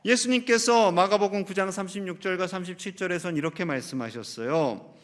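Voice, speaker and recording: A male senior pastor giving a Sunday sermon, speaking straight to the congregation with questions and reading scripture slowly and emphatically. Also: high voice. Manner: addresses the congregation directly with questions. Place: church sanctuary. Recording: long hall reverb of a church.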